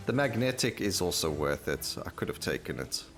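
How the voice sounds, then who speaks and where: With game music in the background, a man hosts a gameplay video, casually explaining his moves to viewers as he thinks aloud. His deep voice is sing-song and a bit bright, moving fairly quickly.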